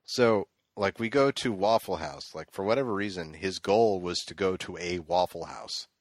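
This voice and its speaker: A man's voice: low-pitched, normal speed, dry recording, studio quality. A man co-hosting a podcast, telling a rambling, profane story in casual chat and laughing often. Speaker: podcast co-host.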